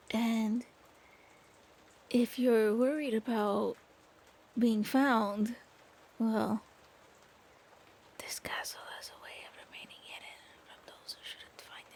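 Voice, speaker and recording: In an anime-style ASMR roleplay, a woman voices a gentle, lonely young vampire prince in a slightly high voice. She speaks softly and coaxingly, playful yet hesitant, with a gentle, reassuring mood.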